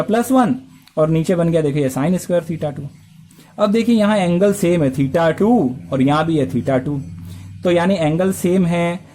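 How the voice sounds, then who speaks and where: A man's voice: high voice, dark tone. A male math teacher lecturing a class, explaining step by step and asking and answering his own questions.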